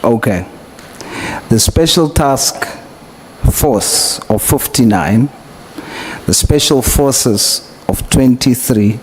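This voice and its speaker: A South African man formally questioning a witness at a hearing, in a deliberate, probing way. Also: medium pitch. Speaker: committee member questioning a witness. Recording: noisy hearing room ambience.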